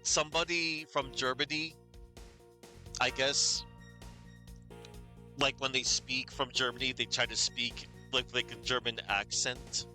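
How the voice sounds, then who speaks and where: Over soft background music, a streamer talks through his gameplay in a bright, forceful mid-range voice with a level tone, a measured pace and frequent pauses. English is not his native language; he rambles, hesitates, says "like" constantly and laughs at himself.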